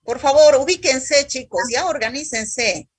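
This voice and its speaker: A woman's voice: high voice, a little slow, slightly rough, no room sound. A woman teaching a university microbiology class over a video call, quizzing students by roll call in a stern, scolding way.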